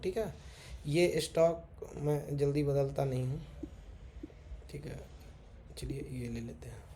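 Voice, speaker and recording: Trading teacher, mellow voice. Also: male voice, on the high side. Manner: repeats "theek hai" constantly, talks while drawing on charts. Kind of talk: casual screen-share chart lesson. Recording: faint background noise.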